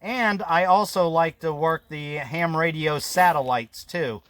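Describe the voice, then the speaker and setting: Talking casually on ham radio from an outdoor mountain trail, an American man in his fifties comes across as folksy, friendly, and talkative. His fairly high, fairly bright voice moves a little slowly.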